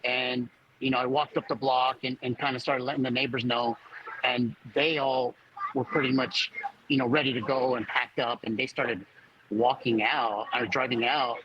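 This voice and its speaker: A man of about fifty giving a personal account as a fire captain in an interview, speaking haltingly as he searches for words. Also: medium pitch, little pitch movement, highs cut off, noisy background.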